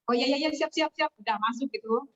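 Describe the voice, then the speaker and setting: Woman guest, high voice, animated storyteller, distant lo-fi webinar audio. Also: quick pace, soft background music. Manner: animated, acts out quoted voices. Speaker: guest telling her success story. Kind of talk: casual storytelling.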